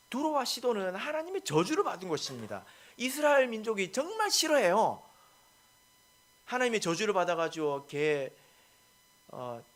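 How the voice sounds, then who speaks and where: A male pastor preaching a sermon, stressing points and asking the congregation questions, with many soft filler words between lines. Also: high voice.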